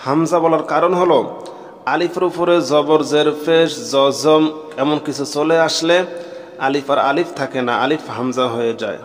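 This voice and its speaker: A man teaching Quran reading, slowly chanting each pair of Arabic letters twice in a sing-song way, then explaining quickly in between. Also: fairly high pitch, fairly even intonation, in a large hall. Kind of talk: slow drilled recitation of Arabic letters.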